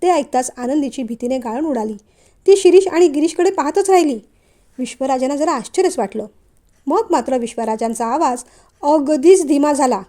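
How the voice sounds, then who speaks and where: A woman storyteller reading a family novel aloud, even and gentle in her delivery. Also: high voice, moderate pace.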